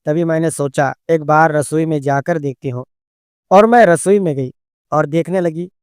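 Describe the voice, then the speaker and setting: A man reading a first-person story as narrator in a steady, scripted storytelling manner on a close mic. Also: fairly high pitch, normal speed, clear, resonant tone, no room sound.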